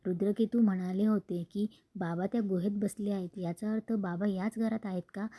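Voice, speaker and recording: Trapped young woman muttering to herself, puzzled, husky, as a woman reads her. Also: medium pitch, steady tone, normal speed, mellow, close to an everyday voice.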